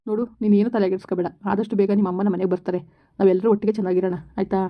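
A woman's voice: medium pitch, flat delivery, racing, lo-fi sound, close to an everyday voice. A woman acting a young husband in a homemade village drama, talking in a reassuring, coaxing way.

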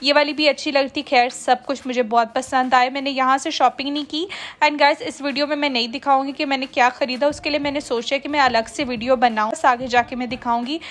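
A woman's voice: sits high, fairly even intonation, a little fast, a bit bright. A woman, chatting to viewers in a casual shopping vlog voice-over. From Pakistan. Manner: chatty, friendly, addresses viewers directly. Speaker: shopping vlogger.

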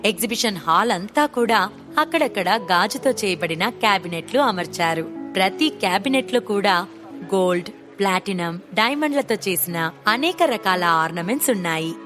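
A woman narrating a scripted audio story in a steady storytelling manner. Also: mid-range voice, moderate pace, over music.

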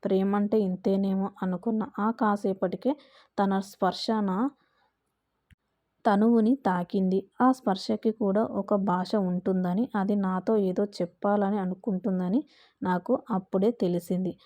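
A woman narrating a first-person story in a slow, emotional way. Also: medium pitch, fairly even intonation, mellow, dry recording.

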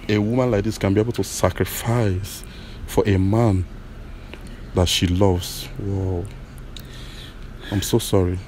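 A man, gently consoling a woman on a blind date, halting and repeating his apologies. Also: on the low side, slight background noise. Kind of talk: emotional unscripted conversation.

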